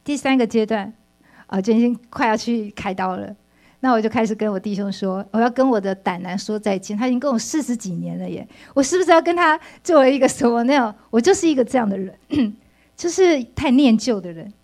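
A woman's voice: on the high side, lively intonation, a little fast, darkish tone. A middle-aged woman giving an earnest, emotional church testimony, often restarting her sentences. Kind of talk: personal faith testimony.

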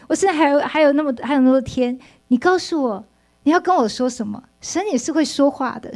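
A woman's voice: fairly high pitch, a little mellow. A middle-aged woman giving an earnest, emotional church testimony, often restarting her sentences. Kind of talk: personal faith testimony.

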